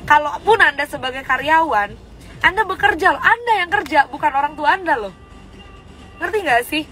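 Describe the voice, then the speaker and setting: High, bright-voiced woman giving frank advice. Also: poor audio. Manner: frank, animated, asks listeners rhetorical questions. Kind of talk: casual coaching talk.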